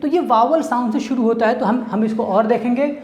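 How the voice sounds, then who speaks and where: A woman's voice: a little high, fairly quick, a little mellow, roomy sound. A woman teaching an English grammar lesson in the style of a classroom, explaining step by step and asking questions that she answers herself.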